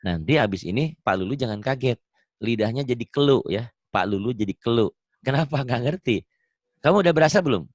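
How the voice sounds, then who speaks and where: A man's voice: mid-range voice, expressive, brisk, no echo. A man teaching Quran reading in a one-on-one online lesson, patient and joking, mixing drills with anecdotes. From Indonesia.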